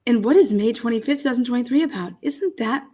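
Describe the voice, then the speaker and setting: Female co-host, casual stream chat, animated delivery, laughs a lot, salty language. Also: fairly high pitch, quick pace. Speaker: livestream co-host. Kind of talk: casual livestream chat reading viewer comments.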